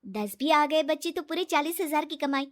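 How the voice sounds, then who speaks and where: An earnest, trusting young woman, as a woman narrator puts her on, talking eagerly and openly. Her voice rides high and light. The tale is told storybook fashion by one narrator. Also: lively intonation, normal speed. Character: trusting young woman office worker, naive.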